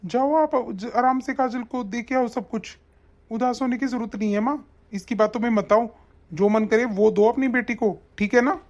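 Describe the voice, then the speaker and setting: A woman's voice: a little high, moderate pace, darkish tone, close to an everyday voice. Woman doing a mean husband guy, bossy and threatening, cartoon story. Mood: soothing. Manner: scolding, threatening. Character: harsh, bullying young husband. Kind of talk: animated story voice acting.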